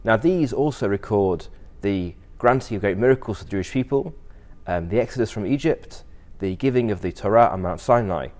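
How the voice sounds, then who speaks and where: A man, a rabbi, giving a measured explanatory religious talk, posing questions and then answering them. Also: fairly low pitch, lively intonation, darkish tone. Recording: long reverberant hall echo.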